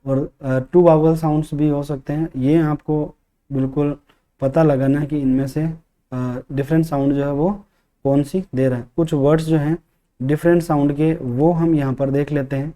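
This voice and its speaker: A man's voice: fairly high pitch, steady tone, normal speed, mellow. A male English teacher giving a lesson on an exam paper, explaining each answer step by step and repeating key words for emphasis.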